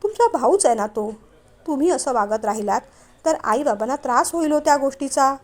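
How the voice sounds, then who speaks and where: A woman voicing a gentle young wife who earnestly pleads with her husband to make peace with his family. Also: high-pitched, lively intonation, fairly quick. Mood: pleading.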